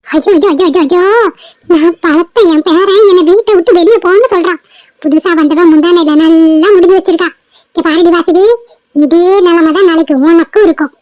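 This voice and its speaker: A quarrelsome old cartoon grandmother, full of jabs and scolding, as a woman acts her out. Her voice sits very high and races along. The sound is dry and close. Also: darkish tone, no room sound. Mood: wailing. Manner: taunting, scolding, rapid. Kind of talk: cartoon family drama voice acting.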